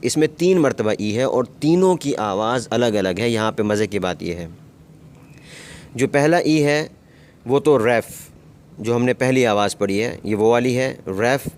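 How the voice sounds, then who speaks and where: A man giving a recorded pronunciation lesson, speaking slowly and carefully and repeating each example word twice. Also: medium pitch, a little mellow, slight background noise. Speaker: English teacher.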